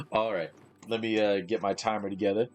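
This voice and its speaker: A man chatting casually while he streams a game live, rambling and losing his train of thought. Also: on the low side. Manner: rambling, with many fillers and restarts. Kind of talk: casual live gaming chat.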